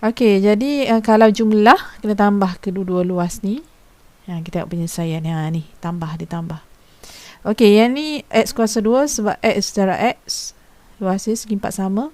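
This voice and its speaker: Woman teacher for a recorded lesson: mellow, dry close sound, patient and explanatory, casual asides. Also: mid-range voice, normal speed, dry recording. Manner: patient explaining, poses questions to students; informal teacher's speech with frequent fillers.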